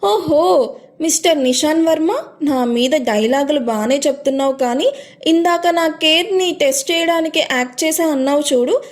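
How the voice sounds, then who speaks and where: A woman's voice: high voice, fairly even intonation, moderate pace, darkish tone, natural voice. A woman voicing a playful, teasing young bride-to-be in a romance audio story, bubbly and bossy.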